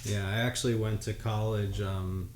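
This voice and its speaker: A man in his twenties, a drummer guest, telling his story in a relaxed, loose way full of fillers. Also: fairly low pitch, moderate pace. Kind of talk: casual interview chat. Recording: echoey room with faint noise.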